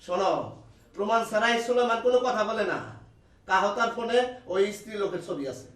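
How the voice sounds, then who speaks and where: A sly bickering husband. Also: male voice, high-pitched, brisk, recorded from a distance. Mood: teasing. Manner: shouting, teasing, quarrelsome. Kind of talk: comedy TV drama. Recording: roomy sound from off the mic.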